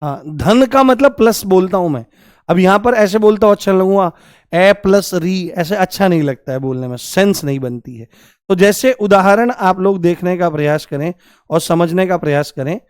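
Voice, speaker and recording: A young man leads a grammar lesson in a high, clear voice, firing rhetorical questions at his class and stretching each answer out in a sing-song way. The sound is dry and close. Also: a little mellow, no room sound. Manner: repeats key answers in a drawn-out, sing-song way. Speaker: Hindi grammar teacher. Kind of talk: classroom lecture.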